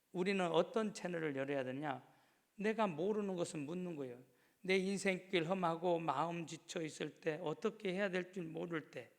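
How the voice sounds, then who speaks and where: A male pastor delivers a sermon with a fairly high-pitched voice, pressing his points through repetition. His prayers are acted out more softly. The sound carries the long reverb of a church sanctuary.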